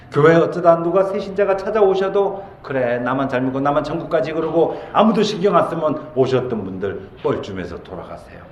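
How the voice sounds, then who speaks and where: A man's voice: medium pitch, roomy sound, slight background noise. A man, a pastor, preaching a sermon with passion, acting out the voices in his stories. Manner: impassioned storytelling preacher, acts out dialogue. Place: church sanctuary.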